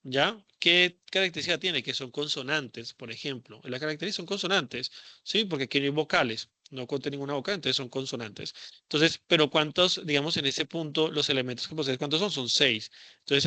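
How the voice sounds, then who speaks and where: A man's voice: a little high, pushed and bright, no room sound. A man teaching a class, thinking aloud with many fillers and checking questions. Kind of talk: classroom lecture.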